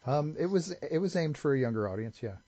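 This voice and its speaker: An animated man with a fairly high, warm voice talks fast while co-hosting a casual podcast, rambling through lore and veering into tangents. The audio has no room sound but is slightly dull and lo-fi, with faint hiss.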